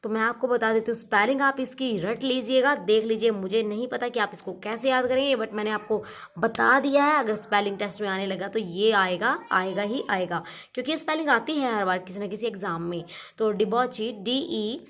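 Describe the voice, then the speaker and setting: A woman teaching vocabulary in a fairly high voice. She repeats each word several times and spells it out letter by letter. She checks in with her listeners often. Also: normal speed, a bit bright. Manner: frequent "ठीक है" checks with listeners. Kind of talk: vocabulary lesson for exam preparation.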